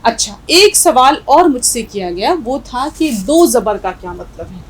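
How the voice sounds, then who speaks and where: A middle-aged woman teacher speaks slowly and patiently, drilling sounds one by one. Her voice sits fairly high and has a husky edge. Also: animated, rough recording. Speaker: Urdu teacher. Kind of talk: video language lesson.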